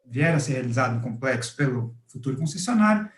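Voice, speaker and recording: A man answering questions at a public hearing, speaking in a formal but halting way with fillers. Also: medium pitch, animated. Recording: roomy echoey sound.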